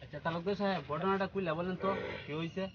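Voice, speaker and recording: An actor playing a calm village mediator who urges patience, speaking with a Habiganj regional accent. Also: male voice, high-pitched, fast, lo-fi sound, over loud music, lightly acted. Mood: coaxing. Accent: Habiganj regional Bengali. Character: calm village mediator man settling a dispute.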